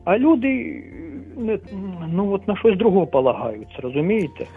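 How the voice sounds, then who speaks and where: A man calling in to a radio show, speaking haltingly with many restarts as he recalls his military service. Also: high voice, big pitch swings. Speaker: radio caller, former soldier. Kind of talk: phone call-in testimony. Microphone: phone. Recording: tinny phone line, faint music.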